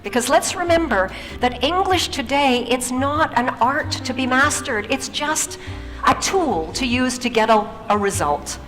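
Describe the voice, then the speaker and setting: A woman's voice: sits high, measured pace, big-room sound, faint music behind. A woman giving an emphatic public talk, telling stories on stage. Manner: storytelling, lively and emphatic. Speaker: speaker.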